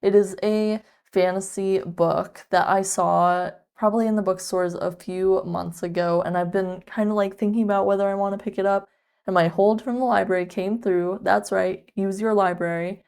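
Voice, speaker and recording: A woman's voice: mid-range voice, little pitch movement, moderate pace, darkish tone, smooth. A woman in her twenties chatting casually to her viewers as a book vlogger, in a loose conversational manner with frequent asides. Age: 20s. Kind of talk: casual chat to camera.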